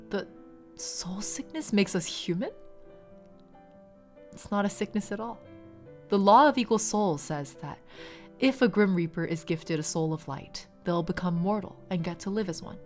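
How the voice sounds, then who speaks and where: A woman's voice: medium pitch, darkish tone, natural voice. A woman voicing the game's devoted mortal protagonist, explaining things earnestly.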